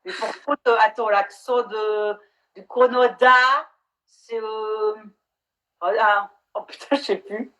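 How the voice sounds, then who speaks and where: A woman's voice: mid-range voice, fairly even intonation, takes it slowly. Chatty frank woman on a video call. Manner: frank and chatty, swears casually. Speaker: actress hosting a live stream. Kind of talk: casual live-stream chat.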